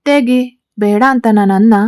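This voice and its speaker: A woman's voice: fairly high pitch, moderate pace, a little mellow, no room sound, clean studio sound, close to an everyday voice. A woman voicing an arrogant, teasing male gang boss who is a wounded husband, in a spoken story.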